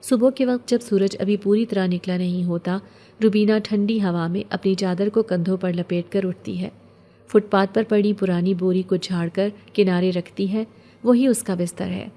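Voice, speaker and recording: A woman tells a scripted horror story in a steady, measured storytelling voice. Her tone is mellow and warm, with an ordinary woman's pitch. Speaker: narrator.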